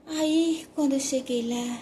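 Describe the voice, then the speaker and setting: A woman tells her religious testimony with fervent, emotional storytelling. Her voice sits on the higher side, with a faint hum behind it. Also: a little slow, warm tone.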